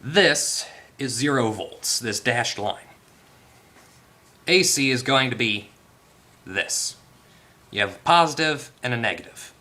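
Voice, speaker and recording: With a medium pitch and lively intonation, the host of a hands-on electronics repair tutorial speaks slowly, leaving long pauses, and his tone sounds pushed and bright. He explains things casually and off the cuff, reasoning aloud and fixing his own mistakes as he goes.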